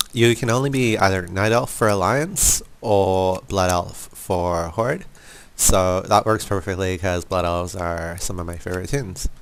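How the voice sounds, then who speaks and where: Here a gaming video creator speaks in a low-pitched, clean voice. He runs through a game casually and informally, often apologizing and putting himself down.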